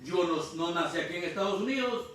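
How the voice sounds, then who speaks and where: A man from Honduras preaching a sermon, explaining slowly and repeating key phrases. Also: high voice, lively intonation, a bit bright. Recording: distant mic in echoey room, faint noise.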